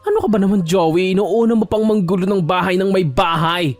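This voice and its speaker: A man's voice: sits high, a little fast, a little mellow, soft background music, lightly acted. A man playing a defensive young man who guards his house, sounding irritated and evasive.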